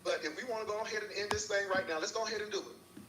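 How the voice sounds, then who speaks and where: A man's voice: high voice, racing. A man delivering a heated, preachy monologue to a rival, scolding her and repeating her name. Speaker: YouTuber in a clip. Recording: echoey room, far from the mic, faint hiss.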